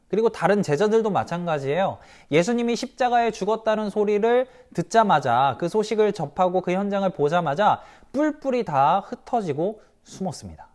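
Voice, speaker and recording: A man giving a children's sermon as pastor, telling the story in a lively way, asking the kids questions and acting out the quoted voices. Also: high voice.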